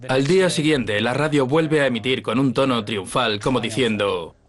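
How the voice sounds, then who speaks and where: A man with a mid-range voice narrates a documentary, retelling the events vividly and dramatically. He reads a script over soft music playing behind him. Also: mid-range voice, moderate pace. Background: background music.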